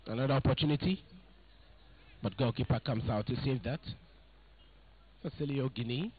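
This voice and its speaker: A man giving live football commentary, calling out "ladies and gentlemen" as he narrates play. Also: medium pitch, moderate pace, breathy edge. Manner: keeps addressing "ladies and gentlemen". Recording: phone-like narrow sound.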